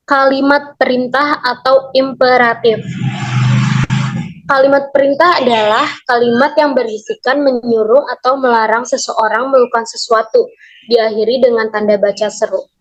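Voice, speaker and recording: A young woman, a university student, reading a lesson summary aloud in a steady, list-like way, numbering each point. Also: a little high, moderate pace, dull audio. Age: young adult.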